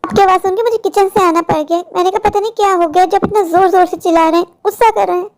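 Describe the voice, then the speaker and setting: A rich man's wife from a cartoon, fussing over her husband, voiced by a woman. She speaks in a very high voice, gently concerned. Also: steady tone, fast.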